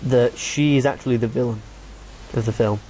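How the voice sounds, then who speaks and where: A man's voice: medium pitch, steady tone, normal speed, warm tone, a little hiss or hum, poor audio. A young man hosting a casual podcast chat, rambling and restarting his sentences and swearing casually. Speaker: podcast host.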